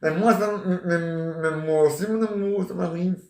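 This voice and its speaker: Man, 40s, rambling joker, slightly high voice, reverberant room. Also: a little slow, creaky, far from the mic. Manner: joking, playful, teasing banter. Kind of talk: rambling casual chat. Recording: echoey room.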